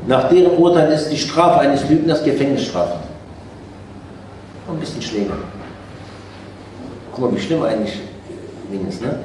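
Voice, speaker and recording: A man's voice: mid-range voice, normal speed, long pauses, a little mellow, a little hiss or hum. A man giving a conversational sermon as a religious teacher, asking his listeners questions. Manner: conversational, asks the audience questions, often adds "ne?". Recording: echoey room, voice from far off.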